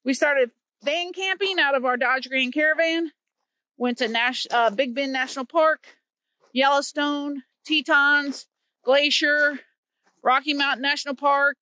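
A bright, high-voiced woman from Missouri, USA hosts a casual vlog while hiking through winter woods beside a creek, holding her phone at arm's length. She tells stories in a chatty, earnest way, unhurried and with fairly even intonation, and there's no echo.

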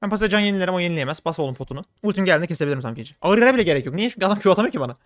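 Rapid-fire young male game streamer. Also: high-pitched, dry recording, studio quality, soft background music. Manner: rapid, excitable, swings into frustrated outbursts. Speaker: gaming streamer. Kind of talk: live gameplay commentary.

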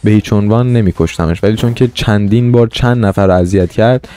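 A young man streaming a Minecraft roleplay server, playing a swaggering gangster and chatting to viewers in between. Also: lowish voice. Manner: swaggering tough-guy banter, swings between loud bravado and quiet asides. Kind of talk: in-character gangster roleplay with commentary.

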